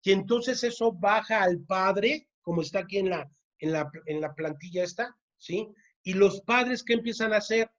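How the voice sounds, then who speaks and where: Speaking at normal speed and medium pitch, a church teacher guides a parenting class, often turning to the audience with "¿sí?" and repeating important words to hammer them home. The highs are cut off in the recording.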